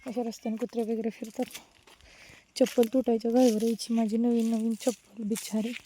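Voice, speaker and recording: A woman's voice: on the high side, little pitch movement, brisk, dark tone, slight background noise. A young woman with a Marathi accent, vlogging outdoors on a mango farm, teasing playfully and mixing Hindi and English. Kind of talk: casual vlog chat.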